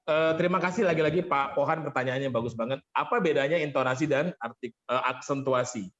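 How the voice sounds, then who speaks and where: A man's voice: mid-range voice, a little fast, a bit bright, highs cut off. A man running an online workshop as a vocal training coach, explaining patiently and thanking participants often.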